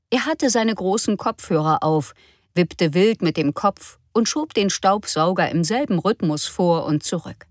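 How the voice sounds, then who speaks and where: A woman narrating a children's story in a lively, expressive way. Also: fairly low pitch, dry recording, clean studio sound.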